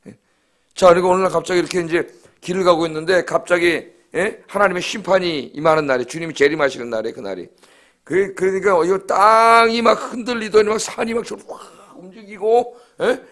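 A middle-aged male pastor delivering a dawn sermon with a somewhat high voice. He preaches emphatically and keeps checking in with the congregation through quick rhetorical prompts. He is heard in a church sanctuary. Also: fairly bright tone. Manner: emphatic, asks the congregation "예?" often.

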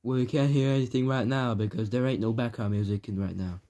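A young man talking casually in a homemade comedy skit, unpolished and relaxed. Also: medium pitch, quick pace. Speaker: toy comedy creator.

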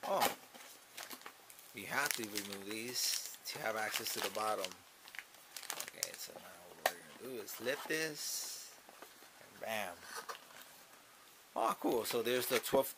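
A young gardening channel host casually talks through an unboxing in a small grow tent, upbeat and repeating himself as he thinks aloud. His voice is medium-pitched, with background noise, picked up by a camera mounted above.

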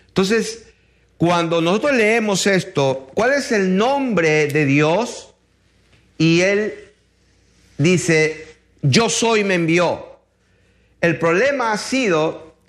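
A man giving a Bible teaching, reading scripture aloud and explaining it with many pauses. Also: a little high. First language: not Hebrew.

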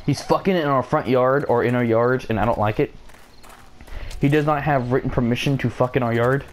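Young guy cussing and joking while he games, mid pitch, bit of hiss and traffic outside. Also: a little fast. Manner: swearing, joking, excitable. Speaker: gamer. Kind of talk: casual gameplay commentary. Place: home room with open window. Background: cars passing outside.

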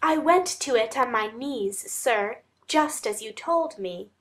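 Woman doing earnest housekeeper lady, respectful, highish voice, audiobook. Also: animated, slow pace, fairly bright tone. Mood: dutiful. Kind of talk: dramatic audiobook reading.

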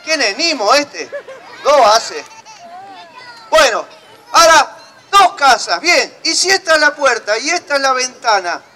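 A man's voice: extremely high pitch, lively intonation, measured pace, long pauses, sharp tone. A man with a Rioplatense Argentine accent, a puppeteer teaching a workshop and joking playfully with children. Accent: Rioplatense Argentine Spanish. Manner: playful, teasing banter with children. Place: outdoor town square. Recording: outdoor crowd and street noise.

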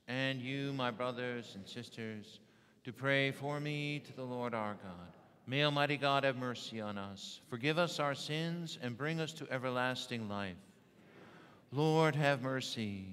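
A man leading a church service as priest, reciting prayers and readings in a measured, solemn way. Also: mid-range voice, fairly bright tone, smooth. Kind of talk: liturgical recitation. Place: large church. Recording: echoey church hall.

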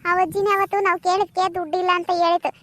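A very high, oddly flat cartoon village mother who defends her son. She talks quickly and does not let up. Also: background noise. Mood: indignant. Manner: indignant arguing. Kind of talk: cartoon comedy voice acting.

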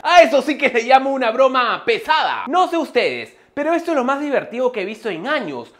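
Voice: high-pitched, sing-song, brisk, fairly bright tone. A video commentator talking over viral clips in a mocking, sarcastic, exclamatory way. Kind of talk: scripted reaction commentary.

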